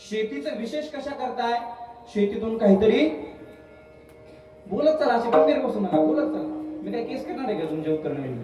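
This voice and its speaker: A man preaches a devotional kirtan sermon in a festival pandal, firing questions at the crowd to urge answers and repeating phrases in a call-and-response cadence. His voice is high and a little mellow, heard through an echoey PA from far off, with music.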